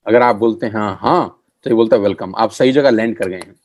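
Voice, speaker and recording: A middle-aged man gives a motivational sales pitch as a network marketing trainer. He stresses and repeats key phrases. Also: brisk, a little mellow, dry recording.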